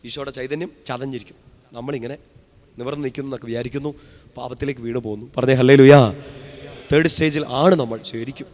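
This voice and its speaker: A man from Kerala preaching a sermon as a retreat priest, swinging from hushed words to loud calls for responses. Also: medium pitch. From Kerala, India. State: sore throat. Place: large retreat hall. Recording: long hall reverb.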